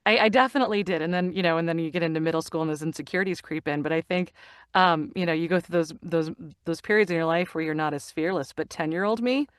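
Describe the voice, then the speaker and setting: Chatting casually in an interview, a woman in her forties who works as an actor and narrator laughs often and comes across as animated and open. Her lowish, smooth voice moves at a quick pace, recorded at studio quality with no echo.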